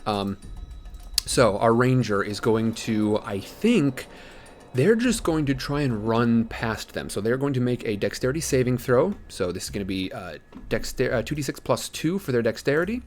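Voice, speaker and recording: A man's voice: mid-range voice, very animated, moderate pace, a little hiss or hum. A man running a tabletop game as game master, improvising narration and thinking aloud hesitantly for his chat.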